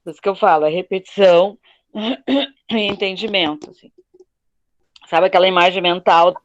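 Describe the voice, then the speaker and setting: Woman teacher, low voice, patient, repeats words slowly, dull lo-fi call audio. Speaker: Portuguese teacher. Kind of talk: online class explanation. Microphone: video call.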